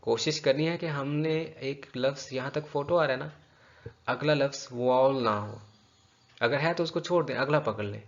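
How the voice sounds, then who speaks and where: A man teaching English pronunciation, repeating words slowly and deliberately to drill them. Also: mid-range voice. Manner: drills words by slow, drawn-out repetition. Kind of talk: bilingual pronunciation lesson. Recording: dull lo-fi recording.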